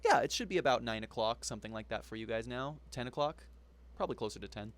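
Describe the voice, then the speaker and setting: A man runs a tabletop game as game master in a relaxed, chuckling manner. His voice sits at an average pitch. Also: fast talker.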